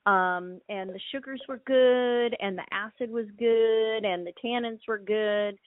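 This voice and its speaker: A middle-aged woman from Hawaii, a winemaker chatting casually in an interview, relaxed with many ums and restarts. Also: on the high side, measured pace, no room sound. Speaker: winemaker guest. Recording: thin phone-like line, dry.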